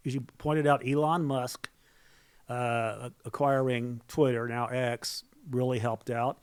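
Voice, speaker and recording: A man in his fifties, a talk-show guest, speaking in a halting way with many restarts and fillers. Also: mid-range voice, level tone, clear, resonant tone. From Norway. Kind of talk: political talk show conversation.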